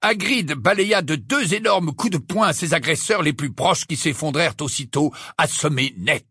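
A man reading an audiobook aloud in an expressive, dramatic way. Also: a little high, normal speed, slightly rough, no room sound, studio quality. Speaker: audiobook reader. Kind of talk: audiobook narration.

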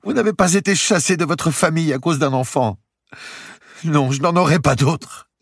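A man's voice: fairly high pitch, normal speed, vocal fry, mellow, breathy edge, dry recording, clean studio sound, pitched above the performer's own voice. A man reading the part of a grieving young woman, crying and pleading through her tears. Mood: anguished. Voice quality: tearful and pleading. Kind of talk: audiobook character reading.

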